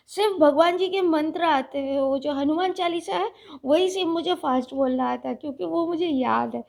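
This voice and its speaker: A woman vlogger chatting unscripted to her viewers, speaking slowly and deliberately with many fillers and restarts. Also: extremely high pitch, gravelly, a little mellow. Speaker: vlogger reviewing a reality show. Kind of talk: casual unscripted chat to viewers.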